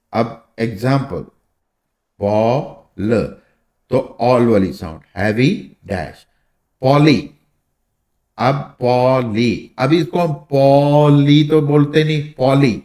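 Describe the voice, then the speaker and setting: A man teaching English vowel sounds in a slow, patient way, drawing out each example word. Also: medium pitch, a little mellow. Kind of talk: spoken lesson.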